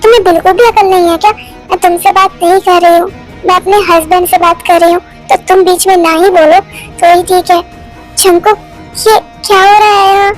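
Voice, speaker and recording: A shattered young wife, betrayed and tearful, who stumbles over her words and repeats herself as she pours out her pain, dubbed in a very high, thin voice. Her delivery stays close to flat in pitch, with soft music playing underneath. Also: moderate pace. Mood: angry, hurt. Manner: stammering, repeats words in distress. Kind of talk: fan dub of a melodrama.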